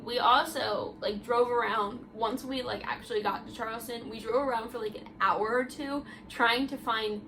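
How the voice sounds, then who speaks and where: A woman's voice: a little high, steady tone, moderate pace, few pauses, a bit bright, a little hiss or hum. A young woman vlogger chatting casually, telling a story with lots of "like" fillers. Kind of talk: casual chat.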